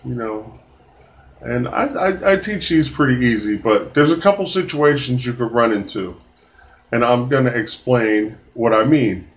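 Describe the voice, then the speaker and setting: Male tutor, mid pitch, relaxed live-stream math teacher, chatty and encouraging, lots of ums. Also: measured pace. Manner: casual, encouraging, many fillers and restarts. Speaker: test prep tutor.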